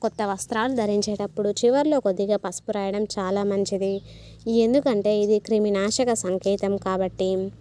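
A woman hosting her channel, giving a steady, instructive spoken list of household dos and don'ts. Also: mid-range voice, normal speed. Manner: steady, instructive, lists rules one after another. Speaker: channel host.

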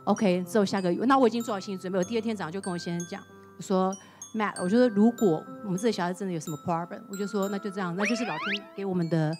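A woman in her forties, a talk show guest, telling a personal story in a casual, animated way. She acts out quoted dialogue and drops English words into her speech. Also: mid-range voice, very fast. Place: TV studio. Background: background music.

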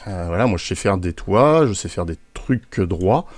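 Low-voiced chatty man explaining a game. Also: lively intonation, normal speed, no echo. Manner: hesitant, frequent fillers, chatty. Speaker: video game tutorial host. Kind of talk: screen-recorded game tutorial.

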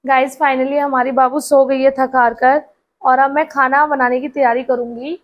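High-voiced chatty mother vlogging. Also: level tone, normal speed, muffled recording. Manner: chatty, addresses viewers as guys. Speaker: vlog host, mother. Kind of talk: casual family vlog narration.

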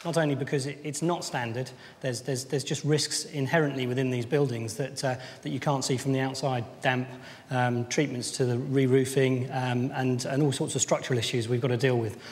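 A man in his thirties, a housing developer, explaining a site in an interview, talking haltingly with many fillers and restarts. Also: medium pitch, steady tone. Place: large empty old building indoors. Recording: echoey hall with faint noise.

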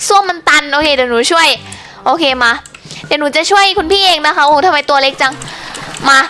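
Very high, bright-voiced young woman gamer. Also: fast, a little hiss or hum. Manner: chatty, exclaiming, talks to viewers. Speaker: gaming channel host. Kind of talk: casual game commentary.

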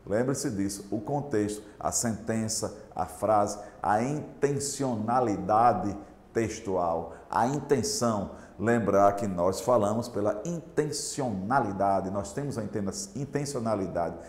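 A man's voice: on the low side, darkish tone. Brazilian guy teaching a class, repeats stuff, talks right to students, big echoey room. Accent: Brazilian Portuguese. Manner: slow, emphatic, repeats key points, addresses students directly. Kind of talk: recorded classroom lesson. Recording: echoey room with long reverb.

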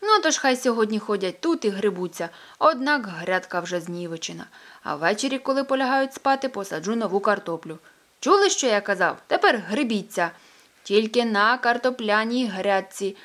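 A patient, grandfatherly old farmer from a storybook speaks with fussy, coaxing warmth and a raised, lively voice, as a woman reads him aloud. He sounds only a little apart from the reader's own voice. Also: mid-range voice, normal speed, lightly acted. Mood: scolding. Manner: fussy, coaxing, scolding at times.

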